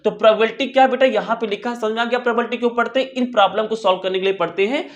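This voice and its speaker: A man's voice: sits high, steady tone, rapid-fire, dull audio. Indian man teaching maths, repeating key phrases. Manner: repeats phrases and checks understanding with questions; addresses listeners familiarly, coaxing attention. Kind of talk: informal online lesson for school students.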